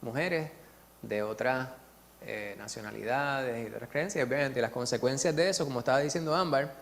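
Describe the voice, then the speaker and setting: A man with a Puerto Rican accent leading a church Bible study, telling personal stories in a chatty way and filling pauses with tag questions. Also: mid-range voice, creaky, big-room sound, slight background noise.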